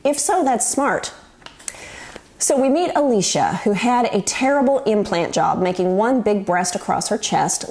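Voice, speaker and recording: A woman's voice: mid-range voice, a little mellow. A woman in her forties hosting a show, giving wry, chatty, scripted commentary to the camera. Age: 40s. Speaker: host.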